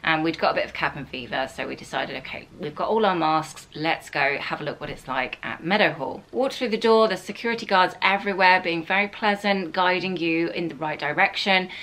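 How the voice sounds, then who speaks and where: A woman's voice: lowish voice, brisk, few pauses, fairly bright tone, low-quality recording. A woman in her forties from England, a fashion vlogger chatting enthusiastically to camera in a bedroom. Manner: chatty and enthusiastic, fond of "really, really". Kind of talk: casual chat to camera. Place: bedroom set, indoors.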